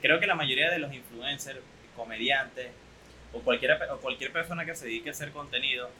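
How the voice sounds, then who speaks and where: A man's voice: medium pitch, brisk, sharp tone, slight background noise, rough recording. A young man with a Venezuelan accent hosting a casual podcast interview, chatty and teasing. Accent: Venezuelan Spanish. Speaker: podcast host.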